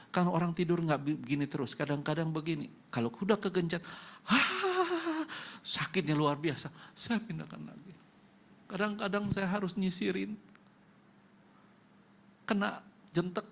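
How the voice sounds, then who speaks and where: Brief: male pastor, Indonesian accent, gravelly, fairly high voice, emotional testimony preaching. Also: a bit bright. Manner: emotional storytelling, acting out dialogue. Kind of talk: testimony sermon. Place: church.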